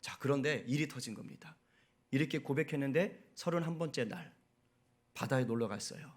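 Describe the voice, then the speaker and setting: A man preaching a Sunday sermon as pastor. He asks the congregation questions and answers them himself, and builds to loud, emphatic preaching. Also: mid-range voice, animated, fairly quick.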